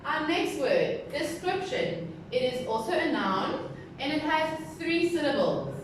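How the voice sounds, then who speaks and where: Woman, teacher, high voice, unhurried, deliberate syllable stress, classroom, heavy room echo, audible background noise. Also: very animated, distant mic. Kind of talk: recorded classroom lesson. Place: classroom with a board. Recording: very echoey room, voice from the mic, clear background noise.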